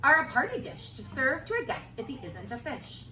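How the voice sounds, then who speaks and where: A woman's voice: high voice, huge pitch swings, normal speed, sharp tone, pitched above the performer's own voice, full character voice. A woman voicing a matter-of-fact, know-it-all storybook cook who recites in singsong rhyme. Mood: assured. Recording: roomy, distant, noisy room recording.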